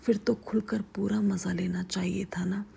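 A sly, coaxing middle-aged father-in-law, whispered by a woman in a whispered role-play. The whisper is very breathy with a heavy gravelly fry, and the tone stays dark and mellow. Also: medium pitch, level tone, normal speed, full character voice.

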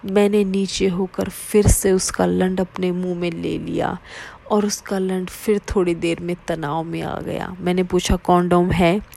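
A woman reading a first-person story aloud in a steady, low-key way. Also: measured pace, vocal fry. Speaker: narrator.

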